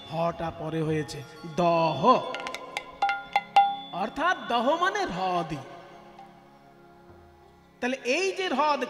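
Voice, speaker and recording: A man delivers a devotional discourse in a very high, animated voice that swoops up and down. He asks his listeners questions, answers them himself and repeats words to drive the point home. The sound rings with long reverb in a big hall, with faint music behind. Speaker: kirtan singer and religious storyteller.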